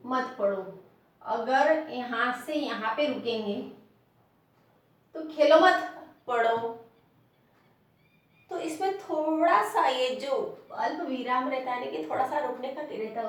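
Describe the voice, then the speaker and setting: A woman teacher with a Rajasthani Hindi accent, giving a classroom lesson, explaining slowly and repeating example sentences with stress. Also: high voice, recorded from a distance. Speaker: primary school teacher. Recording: very echoey room, voice off-mic.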